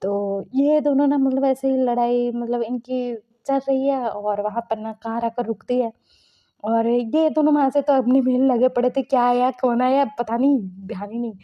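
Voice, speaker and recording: A woman's voice: fairly high pitch, moderate pace, dull audio. Chatty woman narrating fan fiction. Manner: chatty, loose, many fillers. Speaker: storyteller.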